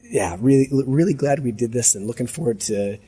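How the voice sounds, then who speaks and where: A man with a hoarse smoker's rasp, talking as host in a casual, reflective, off-the-cuff audio diary and often repeating a phrase as he goes. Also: mid-range voice, brisk, dark tone. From United States. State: hoarse voice from a long trip. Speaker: podcast host.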